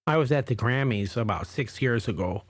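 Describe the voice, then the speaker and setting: A man's voice: mid-range voice, expressive, moderate pace, no room sound, studio quality. A man playing a rambling interview guest in a comedy podcast, stammering and repeating words.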